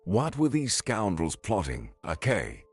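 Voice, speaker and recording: A man reading a suspenseful family story aloud in an expressive, scripted narration. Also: low-pitched, normal speed, slightly rough. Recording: faint background music.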